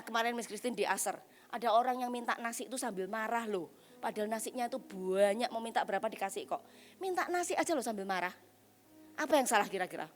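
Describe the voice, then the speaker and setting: A woman evangelist preaching a lively sermon at a retreat, teasing and blunt, throwing rhetorical questions at the crowd and dropping English phrases. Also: fairly high pitch.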